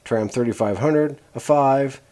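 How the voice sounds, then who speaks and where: A man presenting CB radio antenna tests explains his gear in a casual, rambling, informal hands-on demonstration. His mid-range voice is warm and a little slow, with no echo.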